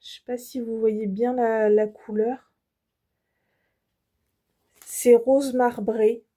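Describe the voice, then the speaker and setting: A French woman vlogger walks through her latest craft haul at an unhurried pace. Her voice sits a bit high but has a very dark, mellow tone. She pauses often, fills gaps and restarts her sentences as she goes. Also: little pitch movement. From France. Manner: slow, hesitant, many fillers and restarts. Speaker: embroidery channel host. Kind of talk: casual product show-and-tell.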